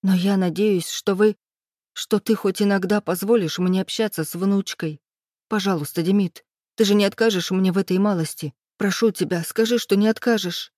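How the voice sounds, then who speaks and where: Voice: medium pitch, steady tone, moderate pace, darkish tone, dry recording, clean studio sound, pitched above the performer's own voice, lightly acted. A reader voicing a guilty, tearful middle-aged mother in an audiobook. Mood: pleading. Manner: pleading, tearful. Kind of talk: audiobook character voice.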